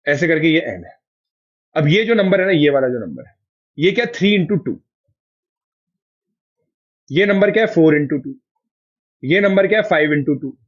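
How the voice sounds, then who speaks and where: Coaxing Indian math teacher, lo-fi audio. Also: male voice, a little high. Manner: coaxing, keeps asking students to confirm. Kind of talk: online class lecture.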